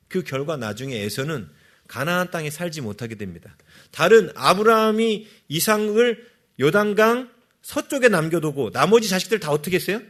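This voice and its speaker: Lively, animated male pastor preaching. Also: high voice. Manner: animated, asks the congregation questions and answers them himself. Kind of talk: sermon.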